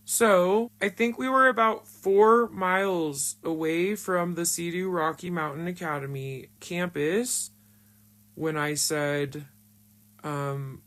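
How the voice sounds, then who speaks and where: A narrator whose voice is disguised speaks slowly and deliberately. They recount a personal story in a casual, unscripted way. The telling is blunt and frank, with plenty of cursing. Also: mid-range voice, steady tone, a bit bright. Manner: blunt and frank, swears often, emotional retelling. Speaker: storyteller recounting their own past.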